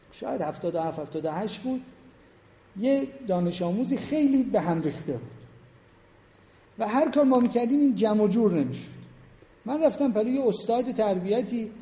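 A man's voice: high-pitched, dark tone. A middle-aged man giving an informal lecture on family life to a class, speaking conversationally and emphatically and putting questions straight to his listeners. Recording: roomy hall with long reverb.

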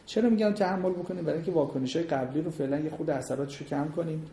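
A man's voice: fairly high pitch, warm tone, a little hiss or hum. A man teaching a class on marriage, going through numbered points and acting out sample talks between husband and wife. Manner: explains points by number, acts out sample dialogues between spouses. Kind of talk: lecture with audience questions. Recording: echoey room.

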